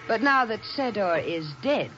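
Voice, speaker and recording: A woman's voice: mid-range voice, animated, measured pace, fairly bright tone. An actress playing a cold, scheming lady doctor in an old radio drama, poised and theatrical. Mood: coldly gloating. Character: cold, scheming female doctor turned villain. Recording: noisy, muffled vintage radio recording.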